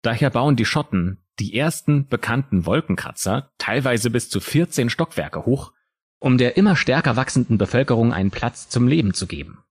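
This true crime podcast co-host is a man with a Palatinate German accent whose mid-range voice sounds husky and expressive. He recounts the story with drama and pauses.

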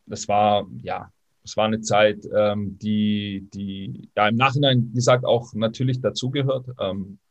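Male guest, forties, low register, hesitant reflective delivery with many fillers. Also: little pitch movement, a little slow, dull audio. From Swabia, Germany, Italian roots. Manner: thoughtful, hesitant, frequent fillers. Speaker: former professional footballer, guest. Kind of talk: reflective interview answers.

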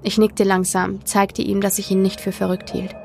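A woman reading a first-person story aloud as audiobook narrator, in a measured, dramatic way. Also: medium pitch, flat delivery, gravelly, a little mellow, a little hiss or hum.

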